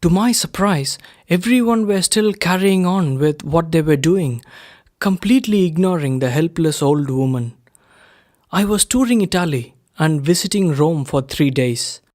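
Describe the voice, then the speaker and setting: A man reading a first-person story aloud in a measured, unhurried way. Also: a little high, darkish tone. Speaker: reader of a story.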